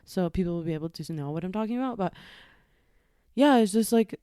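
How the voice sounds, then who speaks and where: A woman's voice: on the low side, lively intonation, a little fast, mellow, clean tone, dry recording, clean studio sound. A woman in her thirties from Ecuador, co-hosting a casual podcast chat, rambling with lots of "like" and restarts. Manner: chatty, lots of likes and restarts. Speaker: podcast co-host.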